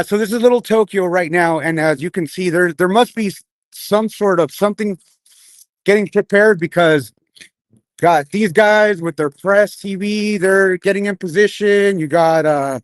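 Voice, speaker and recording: A man with a high-pitched voice and no echo speaks at a moderate pace, reporting live from a city street at night as an independent journalist and livestream host. He rambles informally through street commentary and casual interviews, his speech slurred by missing front teeth.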